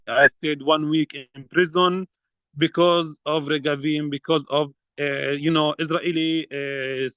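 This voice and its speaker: Earnest man with halting English. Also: a little high, fairly bright tone, no room sound, rough recording. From Palestine. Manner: earnest, halting with many fillers. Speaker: field researcher speaking at a press conference. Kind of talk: prepared statement at a press conference.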